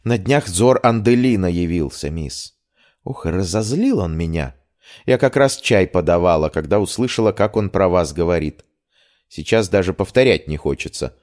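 A loyal young maid, chatty and indignant on her mistress's behalf, as a man reads her in an audiobook. She rattles on deferentially in a fairly low voice. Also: lively intonation, normal speed, darkish tone.

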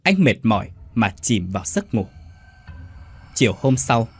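A man narrating a ghost story in a dramatic, expressive reading. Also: lowish voice, measured pace, husky, faint music behind.

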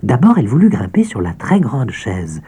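A man narrating a children's audiobook with expressive storytelling and soft asides. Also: medium pitch, moderate pace, husky.

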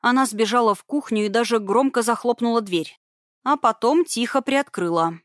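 A woman reading a first-person audiobook story in a steady, even storytelling manner. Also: a little high, moderate pace, dry recording, studio quality. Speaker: audiobook narrator. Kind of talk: scripted narration, first person.

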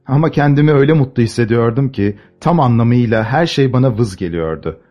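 A man narrating a classic novel as an audiobook, measured and expressive. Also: mid-range voice, highs cut off, soft background music.

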